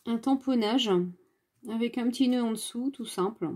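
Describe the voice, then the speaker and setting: A woman's voice: a little high, steady tone, moderate pace, darkish tone. A woman hosting a casual craft tutorial, thinking aloud while she works, hesitant with many filler sounds and restarts. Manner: talks to viewers while working with her hands.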